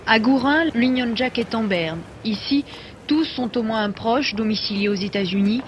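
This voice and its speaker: Female news reporter voice-over, steady, dull lo-fi sound. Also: on the high side, moderate pace. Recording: slightly dull sound with faint noise.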